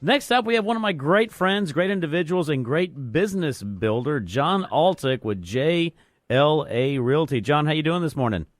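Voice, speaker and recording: A man with a fairly high, animated voice appears as a guest radio host on a business talk radio interview. He's chatty and rapid, often restarting phrases and repeating words as he does. The sound is clean studio audio with no room sound.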